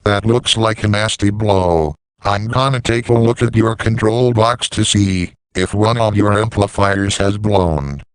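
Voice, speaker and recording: A man voicing scripted dialogue for an animated story about talking machines. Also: lowish voice, a little slow, hardly any pauses, smooth, no echo, low-quality recording. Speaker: voice of talking siren characters.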